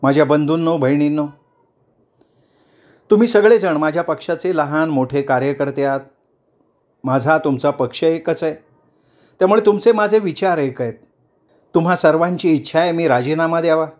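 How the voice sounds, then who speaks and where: Guy doing a bold woman politician from an audiobook, firing up a crowd, commanding, pitched up. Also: normal speed, pauses often, darkish tone, close to an everyday voice. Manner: rousing public speech, commanding. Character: defiant woman council chair, fiery orator.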